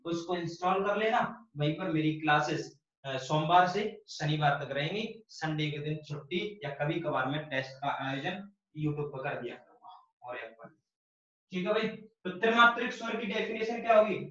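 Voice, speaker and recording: A man's voice: fairly high pitch, animated, moderate pace, a bit bright. A man teaching an online Hindi grammar lesson, explaining patiently, repeating key phrases and answering his own questions. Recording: distant, dull, very echoey room.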